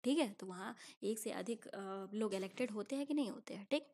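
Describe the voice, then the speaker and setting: A young woman giving an exam-prep civics lesson in a chatty, patient teaching voice. Her pitch sits in the middle range. She reads book passages slowly and often stops to ask whether her students follow. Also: dark tone. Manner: explains in mixed Hindi and English, asking checking questions; reads English textbook lines slowly, then explains.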